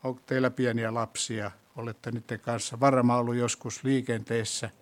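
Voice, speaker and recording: A man preaching a sermon in a church, asking the congregation questions and rising to loud, emphatic peaks before closing in prayer. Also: mid-range voice, little pitch movement.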